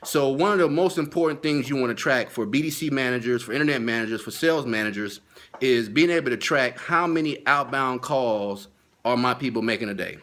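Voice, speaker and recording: In an informal training talk, a man acting as a sales consultant speaks briskly in a medium-pitched, slightly bright voice. He stresses his key points emphatically and repeats them so they stick.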